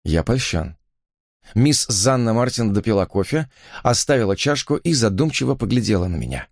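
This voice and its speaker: A man narrating a story in a measured, reflective way. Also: mid-range voice, big pitch swings, creaky, a little mellow, no room sound, clean studio sound. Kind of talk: audiobook narration.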